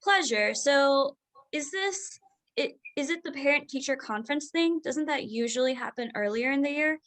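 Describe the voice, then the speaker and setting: This contemporary drama reading features a woman voicing an overworked doctor mom, flustered and brisk in mood. Her fairly high voice is expressive and fairly bright, and the character comes across as proud, quick to push back and insistent about what she wants.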